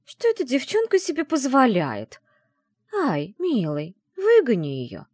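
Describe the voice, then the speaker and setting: A woman's voice: high-pitched, wildly swooping pitch, a little slow, darkish tone, no echo, studio quality, pitched above the performer's own voice, full character voice. A woman voicing a haughty, simpering society lady mage in a nasal, affected tone. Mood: simpering, mocking. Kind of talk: audiobook character voice.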